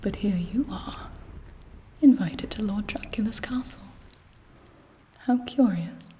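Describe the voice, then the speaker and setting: Woman whispering as Carmilla, a slow, haughty vampire queen. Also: mid-range voice, mellow, close to an everyday voice. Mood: sly, seductive. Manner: imperious, sardonic, slow and deliberate. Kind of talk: whispered ASMR roleplay.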